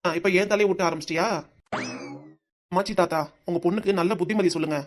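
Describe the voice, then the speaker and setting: This is a lively young grandson in a cartoon family drama, voiced by an actor. He talks loud and very fast to his grandparents. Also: mid-range voice, lightly acted. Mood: pleading.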